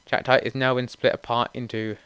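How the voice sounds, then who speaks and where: A young man reads a list of game update notes aloud, steady and matter-of-fact, with relaxed asides in between. His voice is smooth and clear, and the recording is dry and close with no room sound. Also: medium pitch, brisk, dry recording. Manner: steady read-through with casual asides. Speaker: gaming channel host. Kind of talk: reading out patch notes.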